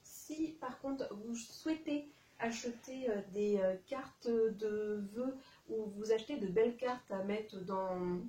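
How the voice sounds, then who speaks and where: A woman's voice: a little high, slow, dark tone, echoey room, distant mic, rough recording. A woman chatting through a casual haul vlog, hesitant with many fillers and restarts, talking straight to her viewers. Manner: chatty, addresses viewers directly. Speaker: YouTube haul vlogger. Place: room at home, dim light.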